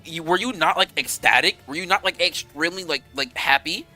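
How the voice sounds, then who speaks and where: A young man chatting casually with his viewers on a game stream, animated and rambling, swearing freely. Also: fairly high pitch, brisk, soft background music.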